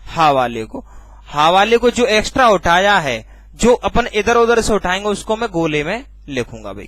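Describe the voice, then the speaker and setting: A male teacher giving a lesson, asking questions and answering them himself, and repeating key words slowly to drill them in. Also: high voice, fairly bright tone, no room sound. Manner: calls listeners bhai and sir colloquially. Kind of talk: recorded classroom lesson.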